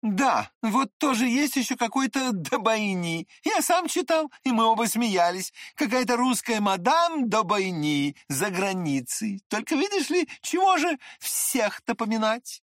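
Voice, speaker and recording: A reader voicing an excitable, pretty teenage boy who chatters eagerly in an audiobook. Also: medium pitch, a little slow, few pauses, no echo, studio quality, voice pushed up. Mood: chattering.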